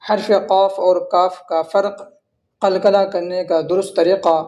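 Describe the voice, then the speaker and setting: A man's voice: sits high, little pitch movement, a little mellow. A man teaching a tajweed lesson, explaining pronunciation rules patiently and step by step. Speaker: Quran recitation teacher. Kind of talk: tajweed lesson with slow recitation.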